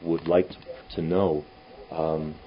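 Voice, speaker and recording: Male field interviewer, very low voice, halting and friendly; dull lo-fi recording. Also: flat delivery. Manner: friendly, hesitant, many fillers and restarts. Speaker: traveling interviewer. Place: mountain lodge.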